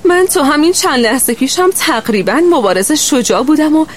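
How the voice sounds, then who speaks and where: A woman narrating a first-person children's story in a gentle, steady way. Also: high-pitched, a little hiss or hum.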